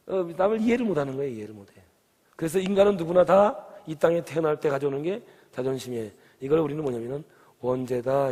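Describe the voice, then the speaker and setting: A pastor with a Gyeongsang Korean accent preaches a sermon in a slightly high, warm voice with a breathy edge. He keeps asking the congregation questions and urging them to respond, and the recording has a long hall reverb.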